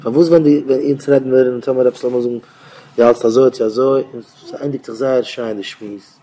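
A man, a rabbi, giving an informal Torah talk in a rambling, conversational way with sudden louder bursts. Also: mid-range voice, fairly even intonation, fast, a little hiss or hum.

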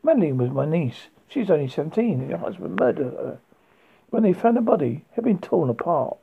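A woman's voice: fairly low pitch, big pitch swings, brisk, gravelly, breathy edge, exaggerated voice. A reader voicing an angry, confrontational woman in her forties who speaks in a scornful, accusing way. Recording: tinny phone-like sound.

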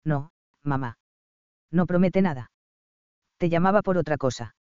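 Man voicing a homesick young woman doctor, smooth clear voice, audiobook read. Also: on the high side, a little slow, no room sound, muffled recording, lightly acted. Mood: unsure.

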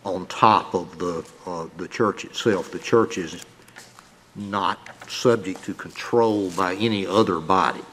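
A man questioning counsel from the bench in a courtroom, deliberately repeating phrases to clarify. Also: low-pitched, a bit bright. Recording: reverberant courtroom, faint noise.

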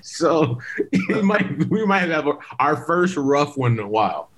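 A man's voice: a little high, sing-song, takes it slowly, a bit bright. A man co-hosting a casual sports podcast, easygoing and laughing often as he banters. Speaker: podcast co-host.

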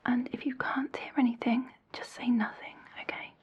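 A woman whispering slow, reassuring instructions in an ASMR hearing-test roleplay. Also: fairly high pitch, level tone, slightly rough, lo-fi sound.

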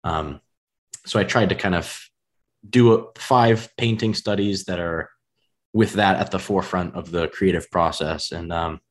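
A man from the United States with a rural, country-leaning American accent hosts a podcast in an easygoing casual chat, often repeating words. His voice is low-pitched and a little slow.

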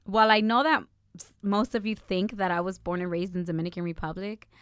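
In studio-quality audio with no room sound, a young New Jersey woman trades couple banter with her partner on their podcast. She's animated, jumping in to interrupt and object. Her clear, resonant voice sits at medium pitch.

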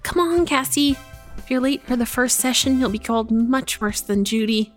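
A man voicing a cheerful, energetic young woman who speaks in a bright, brisk way. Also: extremely high pitch, faint music behind, voice pushed up.

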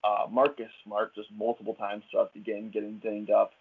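On this casual sports podcast, the co-host sounds creaky and husky, his lowish voice monotone at a moderate pace. He's relaxed and leans heavily on "uh" fillers, and the line sounds tinny, like a phone.

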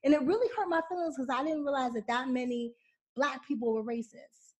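A woman's voice: sits high, brisk, breathy edge. A woman from Pittsburgh, a podcast host chatting casually and telling her stories expressively. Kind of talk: casual interview chat.

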